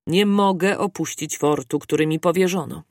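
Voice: medium pitch, moderate pace, no echo, studio quality, natural voice. A reader voicing a dutiful army commander of a fort who speaks formally. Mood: formal firm.

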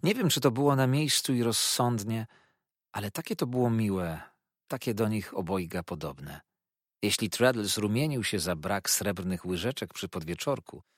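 A man narrating a classic novel as an audiobook, in measured, expressive storytelling. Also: fairly low pitch, slightly rough, dry recording, studio quality.

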